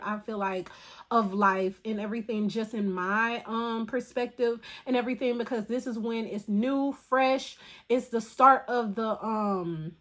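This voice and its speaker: A woman's voice: a little high, a bit bright. A woman tarot reader talking casually in a spiritual vlog, with a voice still recovering from the flu and rambling, filler-filled speech. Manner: rambling, filler-heavy talk.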